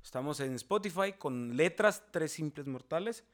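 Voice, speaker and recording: Young Mexican male podcast host, high voice, slangy and jokey. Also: expressive, normal speed. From Matamoros, Mexico. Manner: joking, slangy, laughs often. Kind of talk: casual podcast banter. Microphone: camera.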